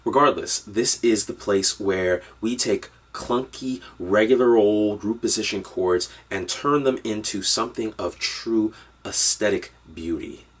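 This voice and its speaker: Low-voiced man teaching piano harmony. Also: measured pace, slightly rough, far from the mic. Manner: upbeat, direct instructional delivery. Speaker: music teacher. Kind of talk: online piano harmony lesson.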